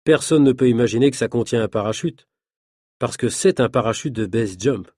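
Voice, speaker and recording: A man's voice: mid-range voice, moderate pace, darkish tone, no echo, studio quality, natural voice. A man voicing a confident male daredevil, breezy and self-assured, in a read-aloud story. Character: confident male daredevil showman, friendly host.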